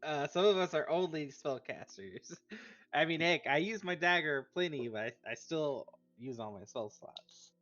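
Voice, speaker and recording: A man's voice: a little high, measured pace, a bit bright, lo-fi sound. An easygoing man playing in a tabletop game who laughs often while he chats. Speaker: player. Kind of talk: casual chat at a tabletop game.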